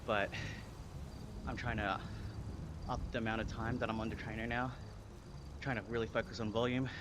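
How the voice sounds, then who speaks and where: Riding an indoor trainer in his home cycling setup, an Australian-accented man in his thirties chats casually on a live stream, slightly breathless. He speaks at normal speed in a mid-range, flat voice amid background noise.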